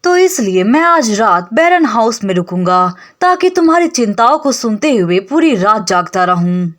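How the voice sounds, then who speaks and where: A clueless young nobleman speaks in a recap of a comic story, read out by a woman. The voice stays fairly high and lively. He sounds matter-of-fact and oblivious. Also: moderate pace.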